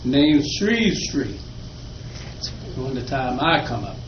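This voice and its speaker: An oral history interviewee, an older man from Virginia, slowly recounts folksy tales of his childhood with a chuckle. His medium-pitched voice swings widely in pitch at a slow pace. The recording is dull, lo-fi, echoey, and faintly noisy.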